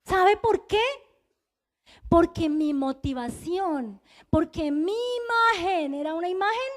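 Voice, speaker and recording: A high-pitched woman pastor with a Colombian Spanish accent preaches a sermon. She tells her story in a confessional way and acts out what people said to her. Her voice climbs high when she performs the dialogue. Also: expressive, slow.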